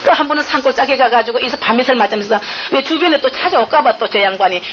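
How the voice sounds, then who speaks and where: An older woman with a Gyeongsang accent gives an emotional church testimony, telling her story in an animated, tearful way, heard on a dull, slightly noisy recording. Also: fairly high pitch, fast. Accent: Gyeongsang Korean.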